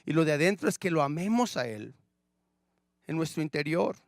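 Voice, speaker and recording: A man with a high-pitched voice preaching a sermon, heard close and dry with little room sound. He keeps turning to the congregation with rhetorical questions and calls them brother. He swings between loud, emphatic declarations and hushed, low asides. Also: expressive, moderate pace, dry recording. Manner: addresses listeners as brother, frequent rhetorical questions. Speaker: pastor.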